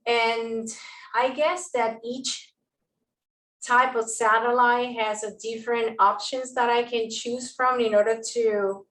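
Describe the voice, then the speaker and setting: A woman with a somewhat high voice asks a course instructor questions over an online call. She talks slowly and carefully, sitting back from her mic in an echoey room. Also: flat delivery, fairly bright tone. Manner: slow, careful, measured. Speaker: course participant asking questions. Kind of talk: online office hours question. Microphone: video call. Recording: roomy, distant from the mic.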